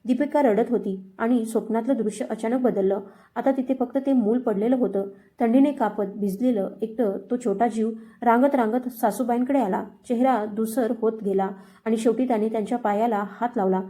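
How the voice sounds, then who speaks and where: A woman's voice: a little high, moderate pace, dark tone. A woman narrating a story in the first person with an emotional, dramatic reading.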